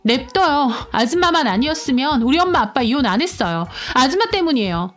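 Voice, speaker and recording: A woman doing a resentful teenage girl, pitched up. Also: big pitch swings, fairly quick, soft background music. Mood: accusing. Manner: accusing, raised voice. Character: resentful teenage high school girl, stepdaughter. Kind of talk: storytelling radio narration.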